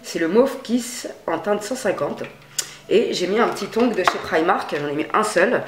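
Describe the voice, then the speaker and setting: A woman vlogging a clothing haul in a chatty, slangy way, swearing freely and swinging between loud and quiet. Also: medium pitch, lively intonation, moderate pace, reverberant, background noise. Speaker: beauty and fashion vlogger. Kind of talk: casual haul vlog.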